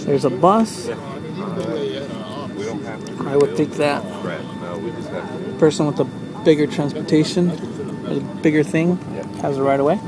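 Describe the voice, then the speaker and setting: A man's voice: a little high, unhurried, long pauses, music in the background. A man giving casual running commentary as a passenger filming from inside an airliner.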